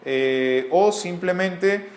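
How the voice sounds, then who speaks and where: Mexican man, slow earnest bible lesson, fairly high voice, echoey room. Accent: Mexican Spanish. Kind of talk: recorded Bible teaching.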